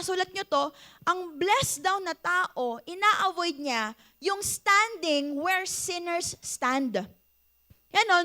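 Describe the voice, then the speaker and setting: Woman, Filipino accent, young adult, high-pitched, bright tone, playful preacher, laughs often. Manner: animated, playful, laughs often, asks the crowd "Hello?". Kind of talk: Taglish sermon.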